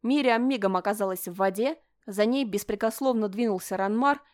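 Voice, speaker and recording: A woman's voice: mid-range voice, fairly quick, no echo, clean studio sound. Woman reading a novel in first person. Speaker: audiobook reader.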